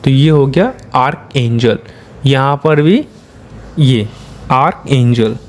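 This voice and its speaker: A man's voice: mid-range voice, takes it slowly. A man with an Indian accent teaching shorthand, explaining step by step and answering his own questions. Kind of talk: classroom-style lesson.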